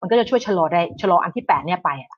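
A woman with a lowish, husky voice gives a relaxed online health lecture. She talks in a chatty way, mixing in English medical terms and restarting her phrases. The sound is dry and a little dull, like a lo-fi recording. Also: very fast, no echo. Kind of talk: casual online health talk.

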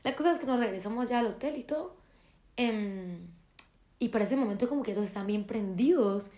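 A woman's voice: on the high side, a little fast. Young woman telling a story. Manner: animated, acts out quoted dialogue. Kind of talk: casual storytelling chat.

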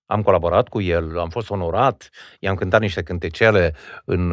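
A male actor talks in an interview, reflective and given to demonstrating what he explains. His voice sits low. The sound is dry, with no room around it. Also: dry recording. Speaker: actor, podcast guest. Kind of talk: conversational interview.

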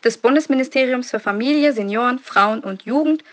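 A woman reading a formal sponsor announcement in an even, careful way. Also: fairly high pitch, fairly quick.

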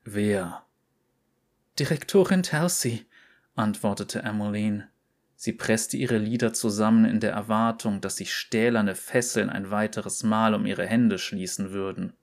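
Slow deep-voiced male story narrator. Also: flat delivery, gravelly. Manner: slow, deliberate, measured reading. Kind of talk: scripted narration of a short story.

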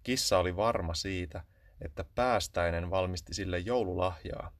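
A man narrating a children's Christmas story in a calm, even storytelling manner. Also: sits low, no echo, clean studio sound.

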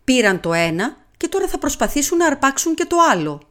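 A woman voicing an earnest, impatient English gentleman, a loyal sidekick, in an audiobook. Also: high-pitched, sing-song, pitched above the performer's own voice. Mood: urgent. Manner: urgent, impatient. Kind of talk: audiobook character reading.

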